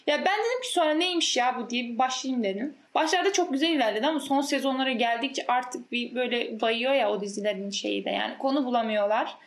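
A young woman chatting casually, giving quick, emphatic opinions. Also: a little high. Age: young adult. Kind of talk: casual chat. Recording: echoey room.

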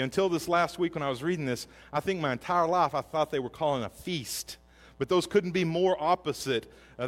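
A man preaching a sermon, retelling a scripture story in a folksy, animated way with sudden jumps in pitch. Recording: long reverb in a large hall.

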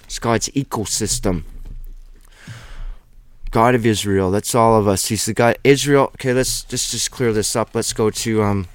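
Earnest middle-aged man preaching, smooth voice. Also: on the low side, fairly even intonation, unhurried, no room sound, clean studio sound. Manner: earnest, emphatic, preaching fervor. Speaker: Bible teacher. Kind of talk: video Bible teaching.

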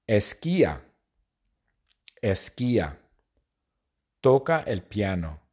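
Man, language teacher, very low voice, unhurried, commands said twice. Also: a little mellow. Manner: each short command spoken twice, slow and clear. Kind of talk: repeated command drill for learners.

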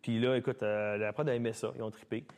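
Fast-talking Québécois man. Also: fairly low pitch. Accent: Québécois French. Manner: fast, animated talker with many restarts. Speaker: guest dancer. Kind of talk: casual storytelling chat.

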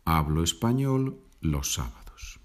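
A man hosting a podcast lesson, patiently explaining Spanish phrases in English and repeating them slowly. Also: extremely low pitch, big pitch swings. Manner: slow, patient, explains with small laughs and repeats. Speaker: Spanish teacher, podcast host. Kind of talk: slow bilingual language lesson.

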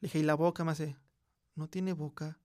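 A man's voice: a little high, flat delivery, moderate pace. Slangy Mexican man telling a ghost story. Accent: Mexican Spanish. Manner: slangy, swearing, acts out a child's quiet voice in quotes. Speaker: podcast host. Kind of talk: casual storytelling chat.

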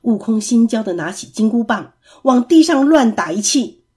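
A woman narrating a classic tale for children in a lively, expressive storybook reading. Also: fairly high pitch, normal speed, husky.

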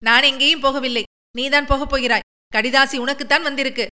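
A woman's voice: high voice, steady tone, fairly quick, bright, forceful tone, in a large hall. A woman reading a story, voicing a spirited young village woman who speaks up in a raised, flustered voice. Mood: agitated.

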